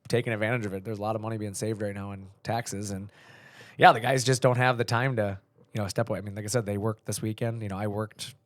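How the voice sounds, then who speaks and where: A man in his thirties hosts a casual business podcast, rambling along in a relaxed way with plenty of fillers. His voice sits low and he talks quickly. The sound is dry and close. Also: no echo. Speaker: podcast host, company leader.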